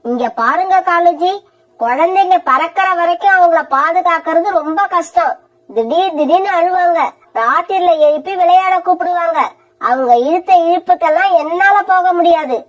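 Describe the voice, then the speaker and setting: A woman plays a high-voiced cartoon mother bird with a sharp, sarcastic tongue. She scolds and threatens in quick, biting phrases.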